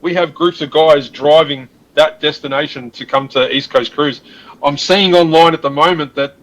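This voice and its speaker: An easygoing Australian man joins a podcast as a guest and talks in a friendly, relaxed way. His voice sits a little higher than most men's. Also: normal speed, rough recording. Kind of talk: casual interview chat.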